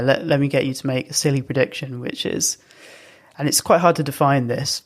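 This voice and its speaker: A man with a medium-pitched voice hosts an interview podcast. He puts his questions casually, in a conversational style. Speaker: podcast host.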